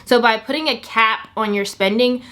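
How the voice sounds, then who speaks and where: This twenty-one-year-old woman, hosting her own vlog, has a slightly high, fairly bright voice and a moderate pace. She chats casually to her viewers, upbeat and encouraging, repeating herself emphatically.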